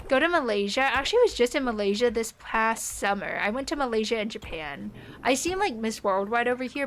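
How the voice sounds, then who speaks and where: A woman's voice: fairly high pitch, a bit bright, slight background noise. A young woman streaming from home, chatting with her live audience in a rambling, casual way with lots of fillers. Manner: chatty and rambling, many "like" fillers, light laughs.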